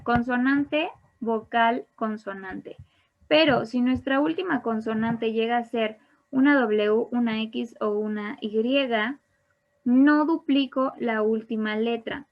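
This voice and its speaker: A woman's voice: on the high side, slow. A woman teaching an online English grammar class, explaining each rule in English and then again in Spanish. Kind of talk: bilingual online grammar lesson. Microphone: online class computer mic. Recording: dull lo-fi online class audio.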